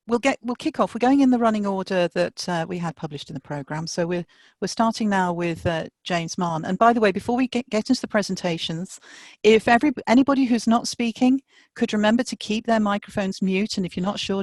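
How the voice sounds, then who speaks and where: A woman's voice: mid-range voice, a little fast, no room sound. Woman session host, chatty, close dry sound. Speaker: conference co-chair and session host. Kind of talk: informal introductions and housekeeping. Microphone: video call microphone.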